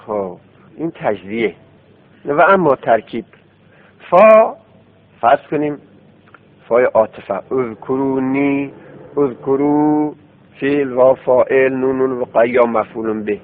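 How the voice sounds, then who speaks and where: A man's voice: medium pitch, pauses often. Man, grammar lesson, step-by-step explanation, repeats forms in drills, tinny phone-like radio sound. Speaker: teacher of Arabic grammar.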